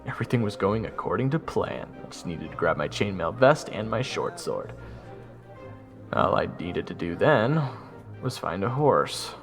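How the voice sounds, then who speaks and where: Over orchestral game music, a man voices an eager but nervous young soldier narrating his own fantasy adventure in first person with wry self-deprecation. His voice sits low, is very animated, and moves at normal speed.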